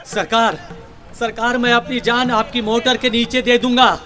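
A man's voice: very high voice, fairly even intonation, measured pace, sharp tone, big-room sound, some chatter behind, exaggerated voice. An actor playing a poor, desperate young man begging to become a music student, speaking earnestly and pleadingly. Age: young adult. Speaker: young man in a radio drama. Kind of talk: radio drama acting.

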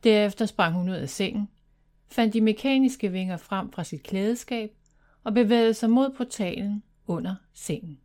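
Give me a woman calmly narrating a children's story. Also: mid-range voice. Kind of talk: reading a children's story aloud.

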